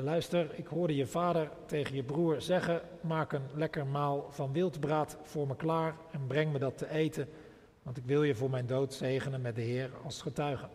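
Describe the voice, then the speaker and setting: A man, a pastor, reading the lines of a scheming mother in a calm read-aloud voice. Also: on the high side, natural voice. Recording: long church reverb.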